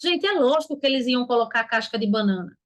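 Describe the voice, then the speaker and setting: A woman's voice: a little high, animated, fast talker. A Brazilian woman teaching an online Portuguese lesson, who breaks words into syllables and keeps checking in with her students. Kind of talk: online exam-prep lesson.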